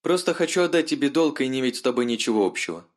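A man's voice: mid-range voice, lively intonation, racing, pitched above the performer's own voice, natural voice. A man voicing a sly, mocking noblewoman who talks down to her caller.

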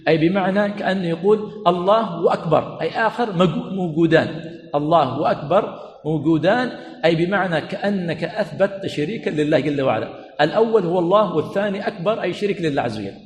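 A man teaching a religious lesson to students, quizzing them with repeated questions and stretching words slowly for emphasis. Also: sits high, animated. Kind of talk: classroom lecture. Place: teaching center hall. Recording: echoey hall with long reverb, faint room noise.

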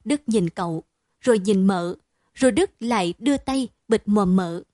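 A woman narrating a story aloud in a steady, expressive reading. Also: mid-range voice, moderate pace, no echo, studio quality.

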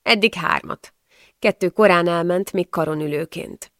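A woman's voice: on the low side, a bit bright, no room sound, studio quality. A woman reading the part of an outspoken, crude-talking young wife from the 1700s. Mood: sly. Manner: brash, crude, laughing. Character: bawdy, outspoken young married village woman.

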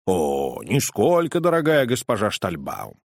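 Guy putting on a grumbly old godfather, low and gravelly-ish, teasing, dry close sound. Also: huge pitch swings, unhurried, no room sound, exaggerated voice. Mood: gruff teasing.

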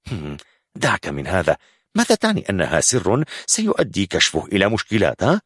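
A man voicing a coarse, swearing gang member with a gravelly, raspy voice. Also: low-pitched, wildly swooping pitch, a little fast, a bit bright, dry recording, studio quality, exaggerated voice. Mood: gruff. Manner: gruff, swearing. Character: coarse, cursing male gang brother. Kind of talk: audiobook narration.

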